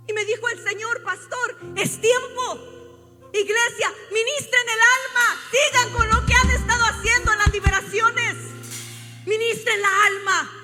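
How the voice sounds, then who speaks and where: Woman preacher, very high and piercing, fervent sermon, echoing church hall, faint music under her. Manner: fervent preaching, often rising to shouts. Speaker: prophet and pastor. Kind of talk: impassioned sermon. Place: church sanctuary.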